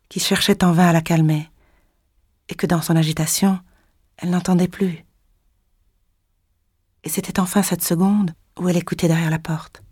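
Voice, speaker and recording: A woman narrating a literary novel in a measured, tense storytelling manner, sometimes dropping to a whisper. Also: fairly low pitch, a little mellow, breathy edge, no echo, clean studio sound. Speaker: audiobook narrator.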